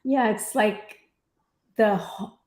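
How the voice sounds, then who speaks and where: A woman's voice: medium pitch, takes it slowly, a little mellow. Earnest woman teaching in an echoey room. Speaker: teacher and co-host of a live faith-based discussion. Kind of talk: conversational teaching, live online talk. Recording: echoey room on live stream.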